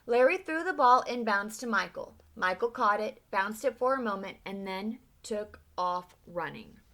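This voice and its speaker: A woman reads a children's picture book aloud with lively expression. Her voice is bright and clear, and she stops now and then to ask her young listeners questions. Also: mid-range voice, unhurried. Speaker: read-aloud storyteller.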